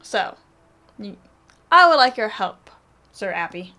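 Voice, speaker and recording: A woman's voice: medium pitch, sing-song, slow pace, pushed and bright. Playful teasing woman at a tabletop game. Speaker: player. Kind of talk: playing a tabletop game character.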